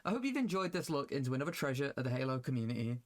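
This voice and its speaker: A man's voice: medium pitch, big pitch swings, very fast. A young man narrating a game mod review in a casual tone, dropping in "like" often. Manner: casual with frequent "like" fillers. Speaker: gaming YouTuber.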